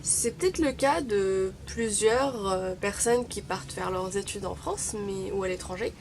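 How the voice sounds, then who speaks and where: Chatting to camera as a vlogger, a young woman from Morocco whose first language is Arabic talks wryly, with plenty of hesitations. She speaks at a measured pace in a mellow mid-range voice, with a little hiss or hum in the recording.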